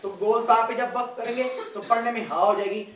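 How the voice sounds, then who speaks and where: Brief: high-pitched male teacher, patient and repetitive, recorded far off in a roomy mosque hall. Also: fairly quick, fairly bright tone, slight background noise. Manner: patient, repeats and quizzes students. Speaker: religious teacher. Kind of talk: Quran recitation lesson. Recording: echoey hall, far from mic.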